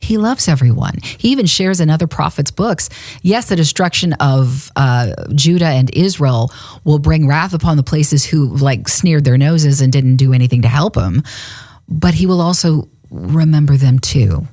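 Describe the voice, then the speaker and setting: On a faith podcast, a woman co-host retells a Bible story, laughing often in a casual, chatty style. She speaks expressively at a moderate pace in a low, dark-toned voice. As a radio and podcast co-host on a studio microphone, she comes through with clean studio sound and no echo.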